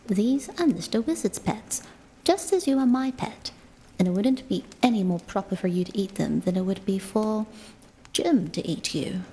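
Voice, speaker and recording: A woman voicing an earnest young girl who gently and reprovingly scolds, as a whispered role-play in a storybook reading. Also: mid-range voice, animated, normal speed, husky.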